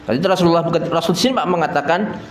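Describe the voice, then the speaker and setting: Speaking fast in a fairly high voice, a man from East Java, Indonesia, leads a folksy study sermon as a religious teacher, repeatedly addressing the audience as "sir" and laughing at his own jokes. The prayer hall is echoey, and faint noise sits under the recording.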